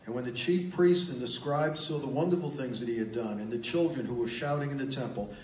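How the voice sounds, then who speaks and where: Speaking fairly quickly at a medium pitch, a man preaching as pastor reads passages of scripture and follows them with plain, emphatic explanations. The recording, made in a church sanctuary, has a distant mic, roomy acoustics, and faint ambience.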